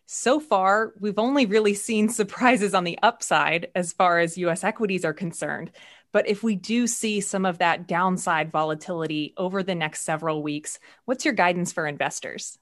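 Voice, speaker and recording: A woman's voice: on the low side, moderate pace. A woman speaking as a podcast host in a prepared, orderly interviewing style. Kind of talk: scripted interview hosting.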